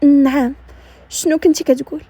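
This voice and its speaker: A woman's voice: sits high, steady tone, normal speed, mellow, no echo, natural voice. A woman with a Moroccan Arabic accent voicing a stubborn, mischievous young bride with a cheeky, defiant way of talking. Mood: subdued.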